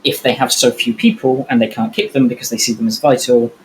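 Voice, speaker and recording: A man speaking bluntly and quickly in a casual panel discussion. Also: mid-range voice, fairly even intonation, slight background noise, poor audio.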